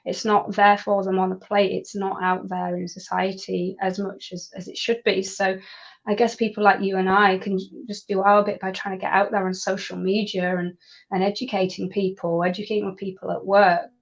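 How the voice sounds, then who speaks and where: A woman's voice: mid-range voice, level tone, normal speed, vocal fry, highs cut off. A woman, a pilot and nutrition coach, talking enthusiastically as an interview guest with frequent restarts. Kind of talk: conversational interview.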